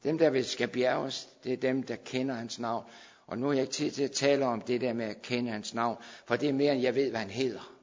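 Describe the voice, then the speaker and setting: A man preaching a sermon, moving between quiet explanation and loud, shouted proclamation. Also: medium pitch, fairly even intonation, long reverb tail, lo-fi sound.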